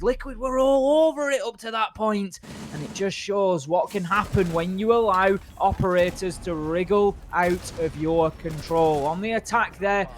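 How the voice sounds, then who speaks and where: A man working as an esports caster, explaining plays and tactics with emphatic phrasing. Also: sits high. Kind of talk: analytical esports commentary.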